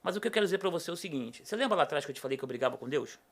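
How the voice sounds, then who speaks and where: Fast-talking gravelly Rio man. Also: on the high side. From Rio de Janeiro state, Brazil. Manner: animated, acts out quoted dialogue. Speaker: podcast guest. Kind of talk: casual personal storytelling.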